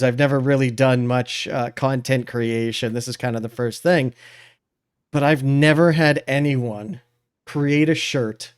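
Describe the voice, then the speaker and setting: Man, podcast host, clear smooth voice, relaxed chat, chuckles often, video call. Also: mid-range voice. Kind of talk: casual interview chat.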